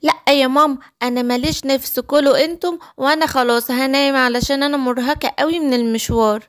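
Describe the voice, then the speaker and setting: A woman voicing an eager young girl in a children's cartoon story, with an Egyptian Arabic accent and a lively, pleading childlike manner. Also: sits high, quick pace, dry recording, studio quality, close to an everyday voice.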